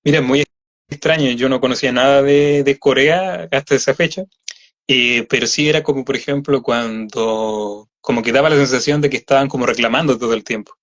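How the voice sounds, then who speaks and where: A man's voice: mid-range voice, fairly even intonation, fairly quick, fairly bright tone. Chilean guy talking dubbing stuff, rambly, mid voice, kinda dull sound. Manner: chatty, explains at length with many fillers. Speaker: voice actor guest. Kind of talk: casual interview chat. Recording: slightly dull lo-fi audio.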